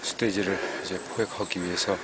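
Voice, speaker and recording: Hunter guy being interviewed outside, lowish voice, plain halting talk, noisy background. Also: level tone. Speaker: hunter and dog handler. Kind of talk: unscripted documentary interview and field talk. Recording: noisy outdoor field recording.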